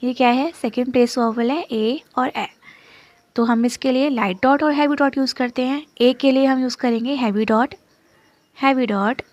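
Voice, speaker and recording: A high-pitched woman with a darkish tone teaches shorthand step by step at a normal speed, patiently repeating terms and asking "okay?" as she writes. There's no echo, but the audio sounds dull.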